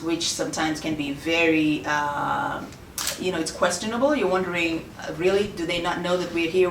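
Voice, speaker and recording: Shop owner, lower voice, echoey room, slightly off-mic. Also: female voice, fairly bright tone, far from the mic, a little hiss or hum. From Kenya. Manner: measured, with frequent "uh" and "um" pauses. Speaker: boutique owner. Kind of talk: interview answers. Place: her clothing shop.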